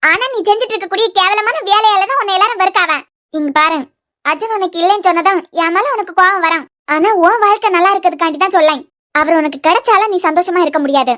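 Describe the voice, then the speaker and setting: Woman for quarrelsome young cartoon women, Kanyakumari Tamil accent, very high and fast, reproachful. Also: fairly bright tone. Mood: angry. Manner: heated, reproachful arguing. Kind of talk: cartoon dialogue acting.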